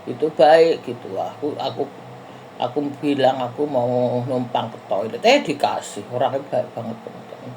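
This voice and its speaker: A woman's voice: a bass voice, moderate pace, darkish tone, slight background noise. A middle-aged woman from Indonesia, casually telling her viewers a rambling travel story and often calling them friends. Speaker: vlogger.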